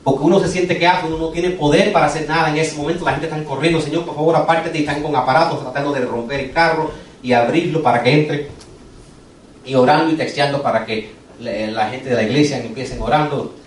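A man's voice: fairly high pitch, fairly even intonation, quick pace, roomy sound, far from the mic, slight background noise, low-quality recording. A man preaching a sermon, telling a personal testimony with earnest, urgent storytelling. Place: church sanctuary.

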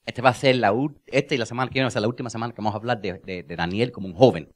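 A man preaching a sermon as pastor, with joking asides, laughter and slow, drawn-out phrases for emphasis. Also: medium pitch. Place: church.

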